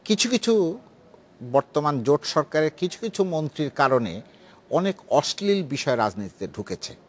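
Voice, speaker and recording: Guy on a tv panel, lively, lots of restarts and side remarks. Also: on the high side, moderate pace. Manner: lively, restarts and sweeping asides. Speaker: political talk show guest. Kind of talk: animated studio discussion.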